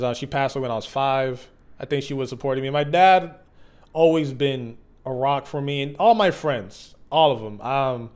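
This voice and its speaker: A man in his mid twenties talking candidly and off the cuff as a video creator, earnest and reflective, halting and conversational with slang. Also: medium pitch, a little mellow, clear, resonant tone. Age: mid 20s. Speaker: YouTube content creator. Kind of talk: candid, unscripted personal vlog.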